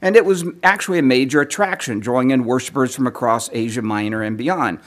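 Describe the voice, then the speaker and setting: A man giving a teaching sermon, lecturing in a measured way, clearing his throat often as he is losing his voice. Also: mid-range voice, a bit bright. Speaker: preacher.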